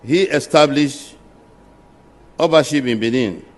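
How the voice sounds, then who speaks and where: A man narrating a history documentary in a measured, formal way. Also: medium pitch, big-room sound.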